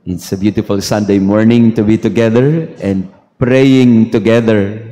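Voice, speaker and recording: A man, a priest reading the gospel and preaching in a measured way, heard with a long cathedral-like echo. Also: mid-range voice, dark tone. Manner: slow measured reading, then easygoing mixing of English and Tagalog. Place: large church. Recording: long church reverb.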